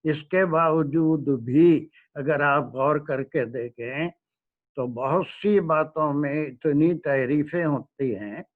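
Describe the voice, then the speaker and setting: A man giving a religious lecture, speaking slowly and pausing often to search for words. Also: fairly high pitch. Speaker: Quran lecturer. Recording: tinny phone-like recording.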